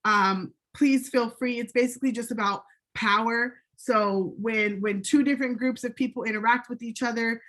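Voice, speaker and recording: A woman teaching a recorded college sociology lecture in a conversational way, often checking in with "right?" and filling pauses with "um". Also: a little high, steady tone, a bit bright. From United States. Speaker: sociology instructor.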